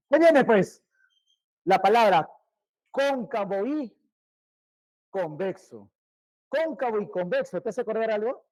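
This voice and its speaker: Man, teacher, high-pitched, dry close sound, repeats words and asks students questions. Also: darkish tone, no echo, poor audio. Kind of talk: vocabulary lesson to students.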